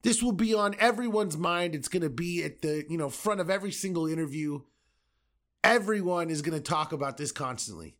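A man hosting a podcast, delivering an angry, profane solo rant that swings between loud outbursts and low muttering. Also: animated, brisk. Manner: angry, profane, repetitive ranting. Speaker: podcast host.

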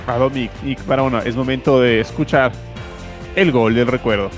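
A man's voice: medium pitch, steady tone, normal speed, over loud music. A man reading scripted sports news as a presenter.

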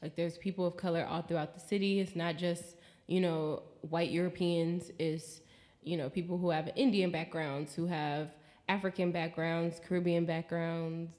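An American woman chatting casually in a travel vlog, expressive and swearing freely, acting out her own quotes. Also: fairly low pitch, normal speed. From United States. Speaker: vlogger.

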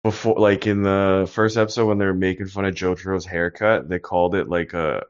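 A man with a very low voice chatting with friends in a relaxed, easygoing way. His audio sounds dull and lo-fi. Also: a little fast, smooth. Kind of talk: casual chat.

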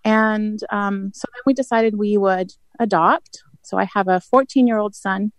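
A woman in her forties, from England, with a croaky voice from allergies, telling her family story as a panel guest. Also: medium pitch, fairly even intonation, a little slow, no echo.

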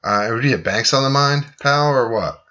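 A man's voice: mid-range voice, normal speed, bright, forceful tone, highs cut off. A man hosting a casual podcast chat, rambling and joking. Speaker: podcast host.

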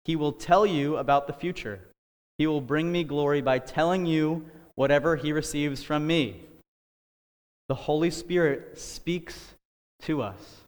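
A man's voice: on the high side, measured pace. Earnest man preaching in a reverberant hall. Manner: earnest, conversational, with frequent fillers and asides. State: out of breath. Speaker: podcast host preaching. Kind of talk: casual sermon-style teaching.

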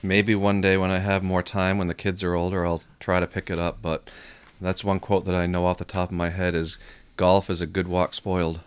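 A middle-aged man co-hosting a radio show, chatting casually about practical advice in a halting, thinking-aloud way. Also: low voice, flat delivery, clear, resonant tone, dry recording. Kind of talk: casual money-advice chat.

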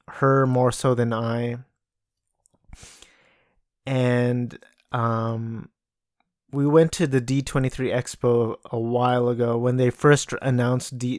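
A man's voice: medium pitch, no room sound, clean studio sound. A man hosting a casual solo podcast from a cluttered room at home. He rambles and restarts his sentences often, with plenty of filler. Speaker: podcast host. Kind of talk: casual solo movie talk.

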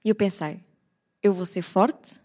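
A young woman in her twenties with a European Portuguese accent, co-hosting a podcast and telling an animated story with acted-out voices. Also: mid-range voice, measured pace. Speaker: podcast co-host. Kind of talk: casual chat.

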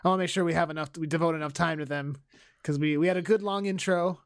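A man chatting casually as a podcast co-host, improvising ideas haltingly and often circling back to rephrase. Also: fairly high pitch, fairly even intonation, clean tone, no room sound, clean studio sound. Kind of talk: casual improv brainstorming chat.

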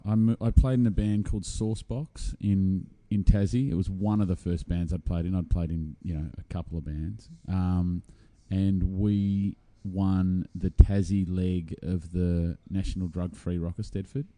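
Deep, mellow Tasmanian Australian man chatting. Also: steady tone, unhurried, few pauses. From Hobart, Tasmania, Australia. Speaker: interview guest, singer-songwriter. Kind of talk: casual chat.

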